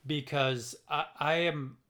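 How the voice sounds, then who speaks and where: A middle-aged man from Minnesota with a Minnesotan accent, co-hosting a casual podcast chat and talking in halting bursts with many fillers and restarts. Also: a little high, steady tone, a bit bright. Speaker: podcast co-host.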